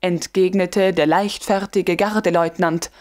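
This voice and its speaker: A woman reading a classic novel aloud as an audiobook narrator, with even, measured storytelling. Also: on the low side. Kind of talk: scripted narration.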